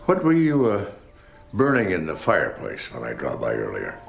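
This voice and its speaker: A persistent amateur investigator in a naturalistic TV mystery. His fairly low voice moves up and down a lot as he probes in a conversational way. Music plays behind him. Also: wildly swooping pitch, moderate pace, vocal fry, full character voice. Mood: probing. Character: inquisitive, persistent amateur male sleuth questioning suspects.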